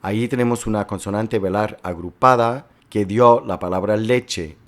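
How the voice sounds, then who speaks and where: A man lecturing slowly and carefully, working step by step through examples as a teacher. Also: fairly low pitch, fairly bright tone. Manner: slow, careful, explanatory delivery with worked examples. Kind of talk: recorded lecture on historical linguistics.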